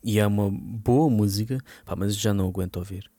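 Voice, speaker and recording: Portuguese podcaster, dry close voice. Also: male voice, on the low side, brisk, dark tone, no room sound. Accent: European Portuguese. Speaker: podcast co-host. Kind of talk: casual chat.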